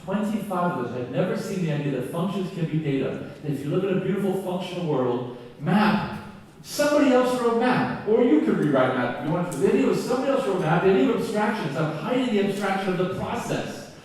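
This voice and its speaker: A man giving an enthusiastic, animated conference keynote, acting out classroom exchanges as he teaches. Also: sits high, fast. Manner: animated, enthusiastic, acts out dialogue. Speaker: keynote speaker. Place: lecture hall. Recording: echoey hall from far off.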